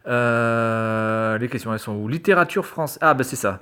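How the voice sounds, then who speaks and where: A man's voice: mid-range voice, normal speed, pushed and bright, clear, resonant tone. A man reading quiz questions aloud and reacting to them with sarcastic, exasperated commentary. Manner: sarcastic, exasperated, swears and mutters. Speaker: video creator.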